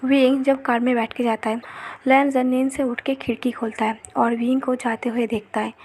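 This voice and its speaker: A woman narrating a fan-fiction story in an even, steady storytelling manner. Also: on the high side, moderate pace, breathy edge. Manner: even storytelling read-through.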